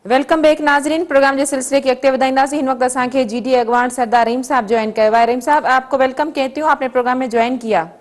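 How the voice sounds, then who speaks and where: High-voiced woman talk-show host. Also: fairly even intonation, fast talker, hardly any pauses, soft background music. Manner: pressing questions with stumbling restarts. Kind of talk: news talk-show hosting.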